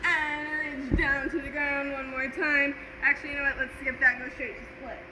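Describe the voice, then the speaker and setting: A woman's voice: high-pitched, moderate pace, echoey room. A woman gymnastics coach leading a live-streamed stretching class in a casual, encouraging way, giving instructions and counts. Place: gym floor with fans. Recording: noisy live-stream audio with steady background hum.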